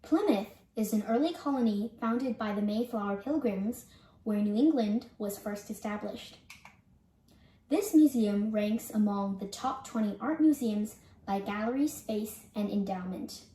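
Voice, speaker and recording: A young woman presenting a scripted pronunciation lesson, speaking carefully and deliberately like a teacher. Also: mid-range voice, warm tone, a little hiss or hum. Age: young adult. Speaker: student presenter. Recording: echoey room.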